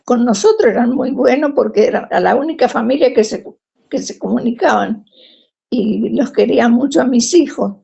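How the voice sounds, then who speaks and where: This woman's voice is a little high, creaky and slightly rough, moving at normal speed. With a Rioplatense Spanish accent, she relates a personal testimony in an animated way, performing the voices of the people she describes.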